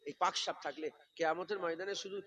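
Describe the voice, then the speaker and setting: A man preaching a sermon, moving from quiet explanation to loud, chanted exhortation. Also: high-pitched, steady tone, quick pace. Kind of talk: sermon at a religious gathering.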